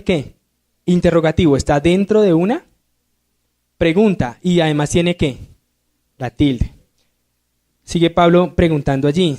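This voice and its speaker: A man's voice: high voice, warm tone. A man, a deacon, teaching a Sunday school grammar lesson, asking the class questions and answering them himself. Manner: reads verses aloud with rising emphasis. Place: church classroom.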